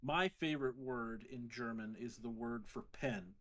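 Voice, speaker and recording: Casting: man, thirties, standard American accent, mid-pitched, casual podcast banter with halting, self-interrupting delivery. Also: a bit bright. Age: 30s. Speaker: podcast co-host. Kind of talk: casual chat.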